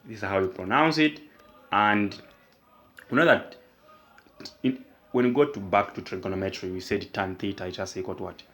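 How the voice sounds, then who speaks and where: A man's voice: on the low side, a bit bright. A man tutoring math, explaining step by step and asking himself questions that he then answers. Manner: asks and answers his own questions; slow, repetitive, deliberate explanation. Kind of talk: whiteboard math lesson.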